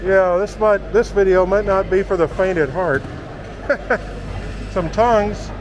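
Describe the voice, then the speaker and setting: In an indoor market hall, a travel vlogger gives casual walking-tour commentary, exclaiming and marveling out loud. His voice is high and his pace measured, with background noise present.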